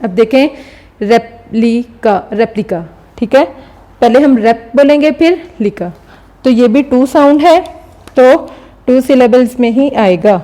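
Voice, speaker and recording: A woman teaching a recorded lesson, her voice slightly high and mellow. She explains patiently and step by step, stopping often to check that the class is following. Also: unhurried. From Pakistan.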